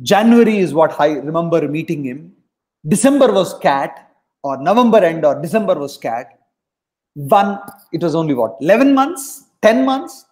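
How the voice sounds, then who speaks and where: Over a video call from a room at home, a middle-aged man with a South Indian accent coaches test prep students in a motivational webinar. He's emphatic, mixes in Hindi and repeats lines to drive them home, in a slightly high, sing-song voice with a darkish tone at normal speed.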